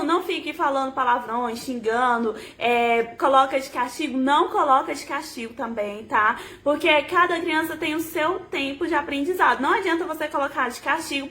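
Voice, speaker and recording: Young woman teaching parents reading tips, high bright voice, slow and patient, sounds out syllables. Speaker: educator giving parenting tips. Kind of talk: casual tutorial to camera.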